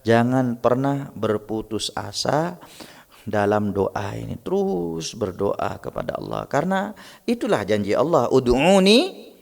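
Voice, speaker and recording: Male preacher, gravelly voice, storytelling sermon with Arabic recitation, long hall reverb. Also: medium pitch, animated, measured pace, a little mellow. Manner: retells stories, mixes in Arabic recitation, addresses the congregation directly. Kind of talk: Ramadan dawn sermon with storytelling.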